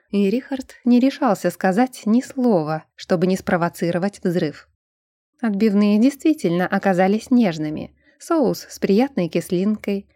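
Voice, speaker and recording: A woman narrating a fantasy novel as an audiobook in a steady storytelling manner. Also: mid-range voice, dry recording, studio quality.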